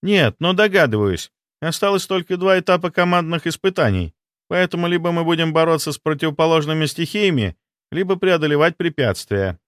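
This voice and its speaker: A man's voice: on the high side, animated, brisk, no echo, clean studio sound, pitched above the performer's own voice, close to an everyday voice. A man voicing a young woman student mage who explains things earnestly. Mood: explaining.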